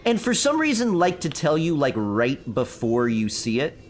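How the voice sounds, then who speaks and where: A man's voice: fairly high pitch, huge pitch swings, moderate pace, slight background noise. Chatty man streaming a game. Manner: chatty, rambling storyteller answering chat. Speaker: streamer playing a survival game. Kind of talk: casual gameplay commentary.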